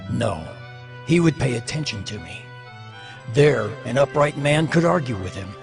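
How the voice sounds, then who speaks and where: An actor playing Job, a bitter, anguished, defiant sufferer, in a solemn, lamenting dramatized scripture reading. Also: male voice, mid-range voice. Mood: bitter, pleading. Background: music.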